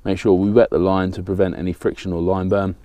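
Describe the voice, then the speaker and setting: Speaking quickly and flatly in a low, mellow voice with no echo, this southern English man in his thirties runs a fishing channel. In a small studio before a banner, he gives a hands-on, plain, practical tutorial, building a rig one step at a time.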